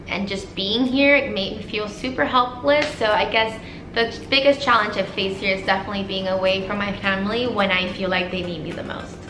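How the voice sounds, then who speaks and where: Bright-voiced young woman. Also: medium pitch. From Puerto Rico. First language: Spanish. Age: 20s. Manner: upbeat, chatty, reads questions aloud. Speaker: vet student vlogger. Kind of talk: casual Q&A vlog. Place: small indoor room. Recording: roomy echo, faint music behind.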